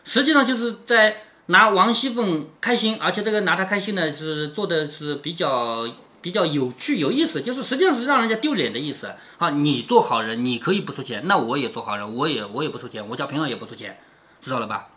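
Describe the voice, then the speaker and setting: A man's voice: fairly high pitch, expressive, quick pace, pushed and bright. A man reading a classic novel aloud to his daughter and explaining it, often asking "isn't it?". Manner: keeps asking rhetorical "isn't it?".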